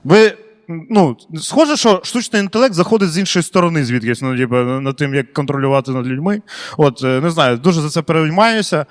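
A man's voice: a little high, brisk, in a large hall. A male stand-up comedian doing crowd work in a comedy club, chatty and slangy, swearing freely.

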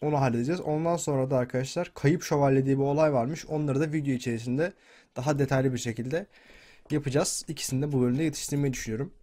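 A congested man from Turkey chats through his gameplay at a mid pitch, calling to his viewers and egging on enemies on screen. He sounds a little under the weather, and keyboard typing clicks now and then behind his desk microphone. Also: fairly even intonation, fast talker, mellow. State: sick, congested. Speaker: gameplay commentator. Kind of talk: casual gameplay commentary.

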